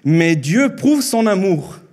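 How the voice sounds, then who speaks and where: His voice is high with big pitch swings and a little mellow: a man in his thirties, born in Mexico and a first-language Spanish speaker, preaching an earnest sermon in a church hall. He uses a handheld mic, repeats phrases for emphasis and slows on key lines.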